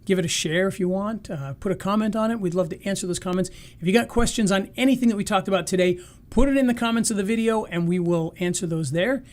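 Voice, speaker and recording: A fast-talking man with a high-pitched, darkish-toned voice rambles through a casual wrap-up of the live marketing session he's hosting. He talks loosely, restarts often, and is losing his voice.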